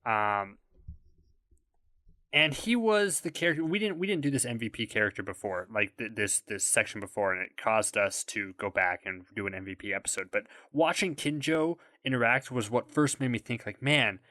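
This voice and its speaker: Man, podcast co-host, casual, enthusiastic, bright voice, dry close sound. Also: on the low side, expressive, normal speed, no echo. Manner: enthusiastic, laughs easily.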